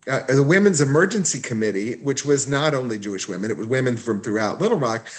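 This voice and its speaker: Guy rabbi talking it through in an interview, restarts a lot, mid pitch. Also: lively intonation, quick pace. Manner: thoughtful, repeats words as he gathers thoughts. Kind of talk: casual interview answers.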